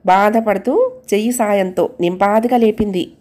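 A woman reading a family story aloud as the channel's storyteller, in steady, expressive narration. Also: mid-range voice, normal speed.

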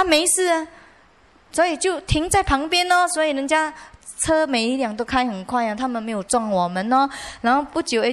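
A woman with a Malaysian Mandarin accent, a Buddhist nun giving a dharma lecture, telling personal stories in a lively way with many chatty sentence-final particles. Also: fairly high pitch. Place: monastery lecture hall.

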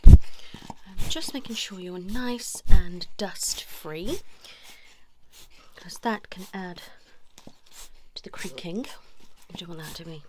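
A woman does an ASMR role-play as a chiropractor, soothing and coaxing a patient directly with soft talk, whispers and short repeated reassurances. Her voice is on the low side, slow, with frequent pauses. The recording is lo-fi and noisy, with clicking sounds.

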